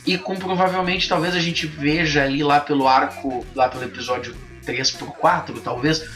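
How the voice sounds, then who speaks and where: A man's voice: fairly high pitch, steady tone, normal speed, a bit bright, faint music behind. A man, hosting a casual film review chat and thinking aloud with frequent restarts. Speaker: podcast host.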